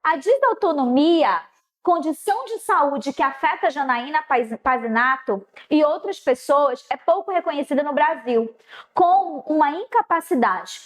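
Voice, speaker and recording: A middle-aged woman teacher, telling a classroom story casually and acting out the dialogue with lively jumps in pitch. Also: measured pace.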